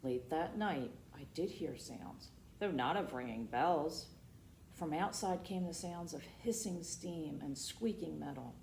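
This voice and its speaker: A woman hosting a storytime, reading aloud expressively for children and dropping in asides, moving between hushed and emphatic delivery. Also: sits low, expressive, measured pace, vocal fry. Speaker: library storytime host. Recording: roomy echo with faint background noise.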